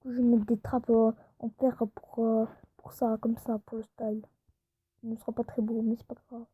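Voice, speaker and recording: A woman's voice: fairly high pitch, level tone, moderate pace, breathy edge, no room sound. A woman YouTuber giving casual gameplay commentary, chatty and often dropping into whispered asides. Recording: tinny phone-like recording.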